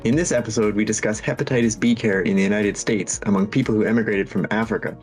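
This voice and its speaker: Low-voiced male podcast host. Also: steady tone, fast, darkish tone, faint music behind. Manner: smooth, read-from-script delivery. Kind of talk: scripted podcast introduction.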